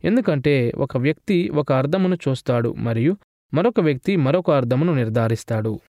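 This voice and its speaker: A man giving a scripted theology lecture in a measured, formal reading style. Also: mid-range voice, animated, warm tone, no echo, clean studio sound.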